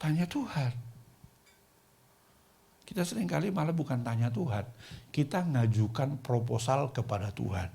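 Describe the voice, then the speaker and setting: A man's voice: mid-range voice, lively intonation, moderate pace, vocal fry, long pauses, dark tone, husky. A male pastor preaching a sermon at a church service in a colloquial way, asking the congregation rhetorical questions.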